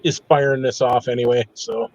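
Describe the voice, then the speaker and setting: A man's voice: mid-range voice, level tone, fairly quick, a little mellow, lo-fi sound. A man who is a regular of the stream, chatting in an easygoing, folksy way over a call. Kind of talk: casual chat.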